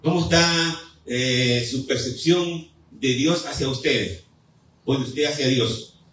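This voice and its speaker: A man preaching a fervent sermon as pastor, with pauses and repeated appeals to the congregation. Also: mid-range voice, fairly bright tone, slight background noise. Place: church sanctuary. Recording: echoey church hall, mic at a distance.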